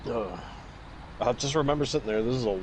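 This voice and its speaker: Against a backdrop of road and vehicle noise, a young man speaks a little quickly in a medium-pitched voice. His casual chat is full of crude, profane stories in which he plays out the dialogue.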